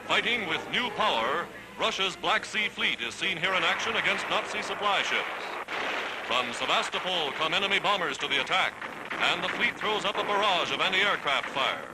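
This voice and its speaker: A man delivers old 1940s newsreel narration in a high, ringing voice. His announcer delivery is emphatic and declamatory. Loud orchestral music plays beneath him. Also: animated, normal speed, poor audio.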